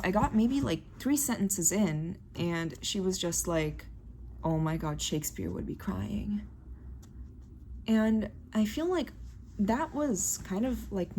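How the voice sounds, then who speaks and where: A woman's voice: lowish voice, a little mellow, a little hiss or hum. Young Brazilian woman rambling in a diary vlog. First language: Portuguese. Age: young adult. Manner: rambling, hesitant, many fillers. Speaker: vlogger.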